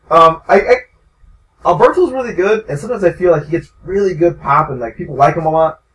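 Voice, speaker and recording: A man's voice: fairly high pitch, normal speed, a bit bright. A young man co-hosts a loose wrestling podcast, moving the chat along and laughing easily. He sits back from the microphone, so his voice comes across thin and distant. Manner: laughs often, leads segments. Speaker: podcast co-host. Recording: roomy mic from a distance.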